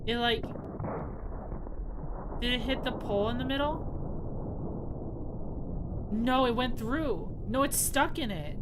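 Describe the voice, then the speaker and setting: A woman's voice: a little high, lively intonation, slow, long pauses, background noise. A woman streamer giving casual live reactions to a video she is watching.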